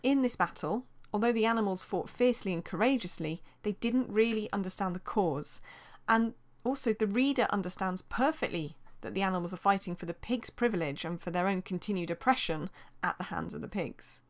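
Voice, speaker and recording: A woman's voice: mid-range voice, animated, fairly quick, few pauses. A woman teaching a revision lesson as a voice-over, explaining steadily and reading quotations aloud, with small restarts.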